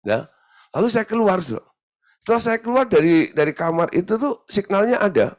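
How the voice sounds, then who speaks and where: A man's voice: high-pitched, fairly quick. Guy preaching a sermon, tells stories and chuckles a lot, voice jumps all over. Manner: storytelling teacher, lively and laughing often. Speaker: pastor.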